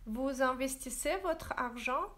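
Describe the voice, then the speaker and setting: A woman teaching French in a livestream, drilling verb forms slowly and switching into English to explain. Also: sits high, fairly bright tone. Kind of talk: livestreamed language lesson. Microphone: phone livestream.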